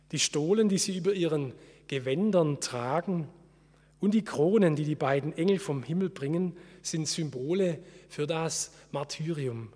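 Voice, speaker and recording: A man giving an earnest, measured sermon as a preacher. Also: on the high side, darkish tone, husky, big-room sound. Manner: earnest, measured preaching with slow solemn quotes.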